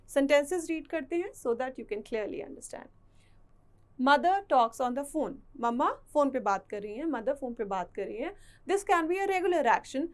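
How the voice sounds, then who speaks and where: High, slow Indian woman teaching grammar. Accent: Indian English. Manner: switches between Hindi explanation and slow, carefully spelled-out English examples. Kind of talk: classroom grammar lesson.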